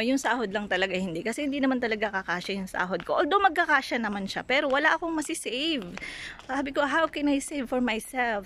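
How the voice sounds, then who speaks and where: A woman's voice: mid-range voice, fairly bright tone, a little hiss or hum. A woman from the Philippines, chatty in a casual storytelling vlog, retelling conversations and talking to her viewers. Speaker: vlogger. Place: Greece.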